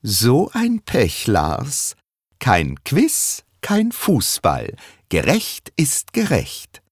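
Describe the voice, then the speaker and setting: A man voicing a relaxed mother who teases her husband with smug, mock sympathy, in a read-aloud storybook. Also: mid-range voice, slow pace, no echo, clean studio sound, pitched above the performer's own voice. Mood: gloating. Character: a mother, relaxed, teasing, quiz fan.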